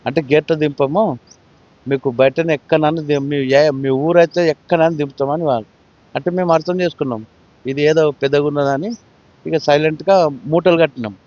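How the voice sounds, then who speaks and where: A man, an eyewitness recounting events to a reporter in plain, steady storytelling. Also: a little high, dry recording. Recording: dry, dull lo-fi field recording.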